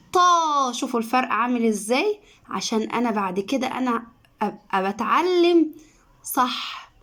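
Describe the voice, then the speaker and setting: A woman's voice: on the high side, sharp tone. A woman with an Egyptian accent teaching letters to children, stretching and repeating each syllable. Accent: Egyptian Arabic. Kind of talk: reading lesson for children.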